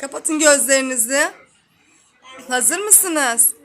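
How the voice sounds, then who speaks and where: A woman's voice: sits high, lively intonation, slow pace, a bit bright. A woman voicing a mother in a toy role-play, talking in a coaxing, affectionate way and repeating her soothing words. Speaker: toy video host.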